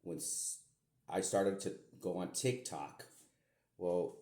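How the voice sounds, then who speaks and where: A deep, mellow voice takes its time as a middle-aged podcast host, self-described as a medium, rambles repetitively to his daughter with some light swearing. The recording has an echoey room sound.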